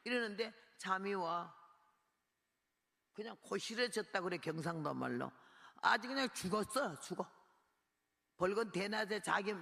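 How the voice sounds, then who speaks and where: Woman missionary preacher telling her story in a sermon, gravelly and bright-edged, dramatic delivery with acted-out cries, long hall reverb. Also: lowish voice. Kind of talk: sermon testimony.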